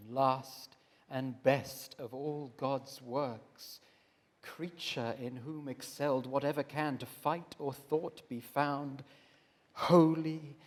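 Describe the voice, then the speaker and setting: A man voicing Adam, the first man, devoted and torn, in an impassioned dramatic verse reading that swings from hushed to loud. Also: fairly high pitch. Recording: long hall reverb.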